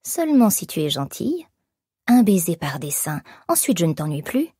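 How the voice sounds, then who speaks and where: A woman voicing a leering, drunken male shop clerk who mocks and taunts, in a husky voice. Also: fairly low pitch, big pitch swings, moderate pace, dark tone, no room sound, clean studio sound. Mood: taunting. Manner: sneering, taunting.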